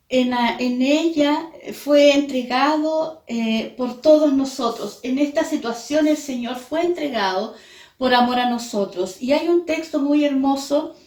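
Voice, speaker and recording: Woman preacher, earnest, halting delivery, fairly high voice, echoey church mic from afar. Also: darkish tone. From Chile. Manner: earnest, hesitant with frequent pauses and fillers. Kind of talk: sermon. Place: church hall. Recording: echoey church room from a distance.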